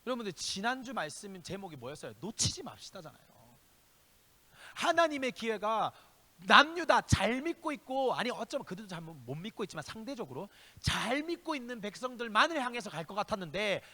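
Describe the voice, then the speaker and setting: A man preaching a youth sermon in a church, swinging between loud exhortation and hushed asides and firing rhetorical questions at his listeners. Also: high voice, big pitch swings, fairly quick, in a large hall. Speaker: youth pastor. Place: church sanctuary.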